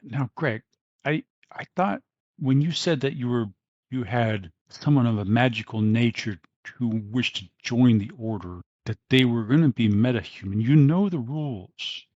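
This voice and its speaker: A man's voice: medium pitch, normal speed, darkish tone, dry recording, dull audio, natural voice. Man doing a flustered, dignified old mage. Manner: hesitant, polite, awkward.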